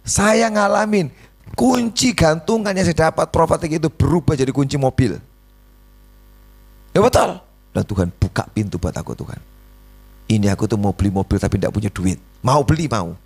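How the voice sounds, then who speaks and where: Gravelly Javanese-accented pastor preaching animatedly. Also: male voice, moderate pace. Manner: animated, jumps into high voice for dialogue. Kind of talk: sermon with storytelling.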